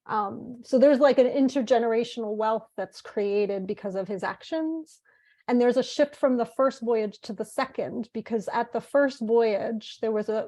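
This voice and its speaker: Fairly high and a little mellow, this woman's voice leads an online workshop in an easygoing, conversational lecture with group facilitation. She's bilingual, US-born of Italian parents, and has lived half her life in Italy.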